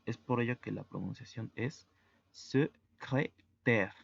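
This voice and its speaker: A man teaching French to Spanish speakers, explaining pronunciation slowly and methodically, letter by letter. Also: fairly low pitch, steady tone, creaky, lo-fi sound. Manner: slow, methodical, spells out sounds letter by letter. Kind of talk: online language lesson.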